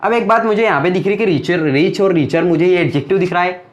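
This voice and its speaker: A young man with a fairly high voice teaching a grammar lesson at a board. He keeps asking questions and then answers them himself, in a patient and explaining tone. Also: fast talker, muffled recording.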